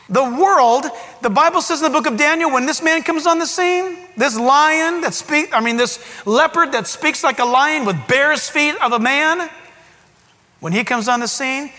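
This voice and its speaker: A man preaching a sermon as pastor, excitable and emphatic, asking his listeners rhetorical questions. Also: extremely high pitch. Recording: echoey hall with long reverb.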